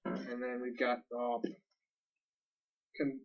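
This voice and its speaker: A man's voice: mid-range voice, monotone, slow, gravelly, recorded from a distance, dull audio. A man co-hosting a casual podcast, rambling and laughing as he unboxes comics. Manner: chatty, laughs often, rambling. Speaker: podcast co-host.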